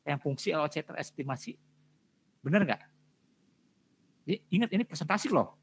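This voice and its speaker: Male lecturer, brisk delivery, blunt classroom feedback with repeated emphasis. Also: on the high side, lively intonation, husky. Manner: direct, repetitive emphasis with frequent fillers. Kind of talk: giving feedback on student presentations.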